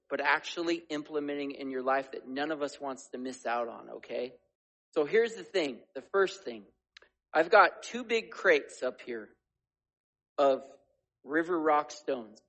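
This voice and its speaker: A man's voice: on the high side, a bit bright, poor audio. A man preaching a church sermon as a pastor, in a casual, folksy way, often checking in with his listeners. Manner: casual, folksy, checks in with listeners using okay, all right, amen; preaching to a congregation. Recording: music playing behind the voice. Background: plucked guitar music.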